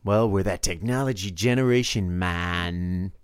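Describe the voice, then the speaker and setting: A man's voice: deep voice, unhurried, clear, resonant tone, no echo, studio quality. A man co-hosting a podcast, chatting casually and telling stories. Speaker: podcast co-host. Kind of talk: casual chat, storytelling.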